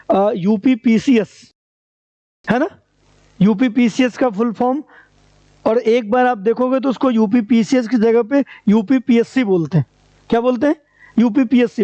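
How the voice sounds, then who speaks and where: A man with a very high-pitched, dark-toned voice leads an exam-prep lecture, posing rhetorical questions and answering them himself in a repetitive drilling style. The recording is dry, dull and lo-fi.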